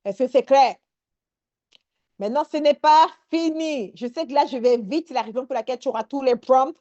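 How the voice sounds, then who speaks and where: A woman leading a live online workshop, energetic and sprinkling English words into her talk. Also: high-pitched, moderate pace, highs cut off.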